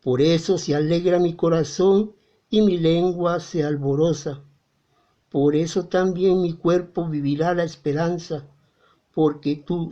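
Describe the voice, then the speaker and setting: A lector with a Guatemalan accent reading scripture at mass in a slow, measured way. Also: medium pitch, mellow. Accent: Guatemalan Spanish. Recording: dull muffled sound.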